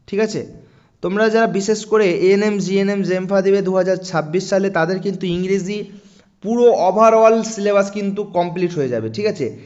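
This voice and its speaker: A man with a Bengali accent teaching an exam-prep vocabulary lesson, repeating each word and often checking in with his students. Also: high-pitched. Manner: repetitive, keeps checking in with students. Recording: dull lo-fi sound.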